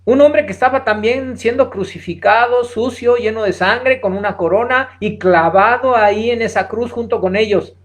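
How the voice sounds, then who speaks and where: Male preacher, high voice, scripture reading into sermon, asks the congregation questions. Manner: reads scripture aloud then preaches with rhetorical questions; addresses listeners directly as brother.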